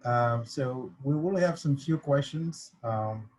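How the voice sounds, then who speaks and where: A man's voice: mid-range voice, slow, a little mellow, low-quality recording. A man from the Congo speaking in an online meeting, with many hesitant fillers. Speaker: meeting participant. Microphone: video call.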